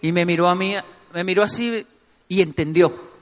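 High-voiced joking man in a hall. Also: moderate pace. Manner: playful, joking, animated storytelling. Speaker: speaker addressing an audience. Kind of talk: humorous talk to a live audience.

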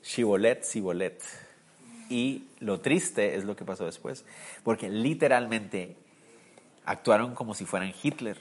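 A man preaching a sermon in a lively way, often asking the listeners questions and swinging from loud bursts to quiet, low lines. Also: a little slow, husky. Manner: animated, swings from loud to soft; asks the listeners rhetorical questions.

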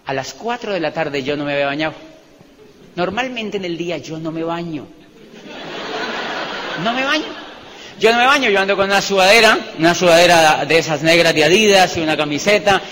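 A man with a Colombian accent giving a motivational business talk, telling stories with animated repetition and self-mocking jokes. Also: on the high side, fairly quick, long pauses. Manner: animated, repeats phrases for emphasis, jokes about himself. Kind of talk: storytelling talk to a live audience. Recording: reverberant hall with faint background noise.

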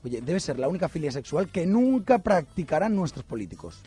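Animated high-voiced man in comedy banter. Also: a little fast, husky, faint music behind. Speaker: radio comedy co-host.

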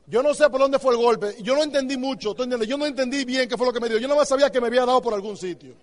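A man's voice: extremely high pitch, very fast, long reverb tail. A man giving an emphatic motivational talk, asking the listener rhetorical questions. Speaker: motivational speaker.

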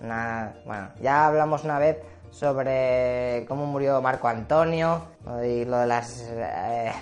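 A woman's voice: very deep voice, takes it slowly, darkish tone, faint music behind. A Spanish woman from Spain telling history in a playful, slangy comic style, dropping in English catchphrases. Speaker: history vlogger.

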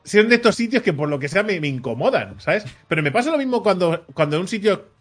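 This man, from Catalonia in Spain, speaks quickly in a high, husky voice. Chatting casually, he relates an anecdote full of asides, performing the dialogue himself, laughing a lot and peppering his speech with "¿vale?".

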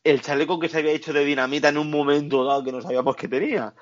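A man's voice: fairly high pitch, very fast. Swearing man recapping a film, lo-fi audio. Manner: animated, profane, tags lines with "¿vale?".

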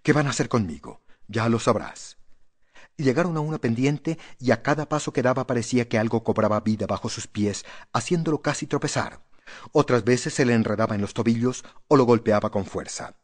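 Guy reading a horror audiobook, steady measured voice, middle pitch. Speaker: audiobook narrator. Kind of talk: scripted horror narration.

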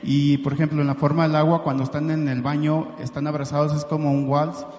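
A man's voice: on the high side, flat delivery, fairly quick, darkish tone, roomy sound, long reverb tail. A man asking an eager, admiring question from the audience. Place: large lecture hall.

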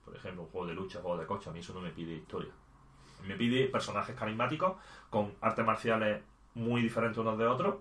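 A man's voice: fairly low pitch, fairly bright tone. A man chatting casually about video games, thinking aloud and restarting his sentences.

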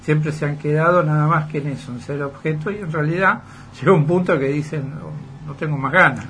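A man with a Rioplatense accent explains his views in a radio interview, pausing and searching for words as he goes. His voice sits a touch high for a man. A faint hiss of noise lies under the studio audio. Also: steady tone. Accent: Rioplatense Spanish. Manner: thoughtful, explanatory with hesitations. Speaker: psychologist guest.

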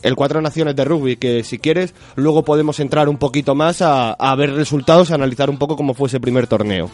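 A man's voice: mid-range voice, brisk, a little mellow. Guy in his 20s, guest on a radio sports show, rambles and jokes, lists scores, faint music behind. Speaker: guest, rugby fan. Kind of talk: casual radio interview.

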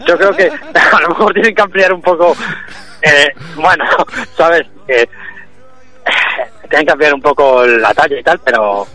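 Halting joking man on a radio call. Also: on the high side, expressive, bright, forceful tone, low-quality recording. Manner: halting, repeats himself, laughs through it. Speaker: phone-in guest. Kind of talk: comic radio bit, mock grief.

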